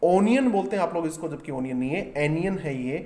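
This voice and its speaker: A man's voice: a little high, lively intonation, brisk, warm tone. A man teaching an exam-solution lesson, explaining step by step and often asking the class questions.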